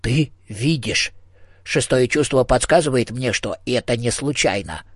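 A man's voice: mid-range voice, unhurried, breathy edge, no echo, clean studio sound. A man voicing the chatty, bossy ghost of a small male hamster in an audiobook, fussy and pushy. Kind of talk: audiobook character voice.

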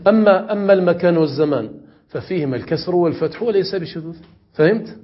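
A man teaching Arabic grammar in a classroom lesson, questioning his students and repeating examples slowly. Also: high-pitched, animated, lo-fi sound. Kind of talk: classroom lesson explaining morphology.

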